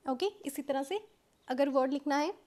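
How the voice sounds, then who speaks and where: An Indian woman with a high, light voice gives a step-by-step shorthand lesson. She talks patiently and keeps checking in with her students. She slows right down when she dictates the rules. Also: a little mellow. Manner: patient explaining, frequent "okay" checks, mixes English terms into Hindi; slows right down to dictate English rule lines. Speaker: shorthand teacher.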